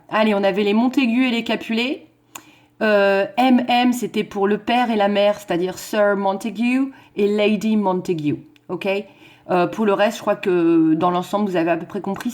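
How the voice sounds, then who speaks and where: A woman's voice: mid-range voice, darkish tone. Woman teacher explaining English verse. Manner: explains slowly, switching between French and English; counts stresses and beats aloud. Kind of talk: recorded online lesson.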